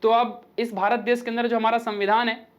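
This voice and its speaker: A male physics teacher, giving a chatty, informal online lecture in which he reads rules out slowly and then explains them with joking asides. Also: very high voice, level tone.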